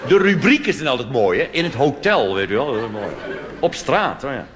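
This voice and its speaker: On stage in a live recording with audience laughter, crowd noise, and hiss, a man from the Netherlands delivers a wry, mocking cabaret monologue. He talks a little fast in a mid-range voice with big pitch swings, now and then mimicking other voices.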